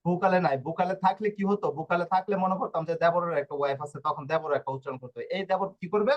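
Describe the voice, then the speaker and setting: A man's voice: high voice, very fast. A man teaching an Italian spelling lesson, patiently explaining and checking in with his students again and again. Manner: patient, repeats points and checks in with "okay?". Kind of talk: live online class in Bengali. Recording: dull lo-fi audio.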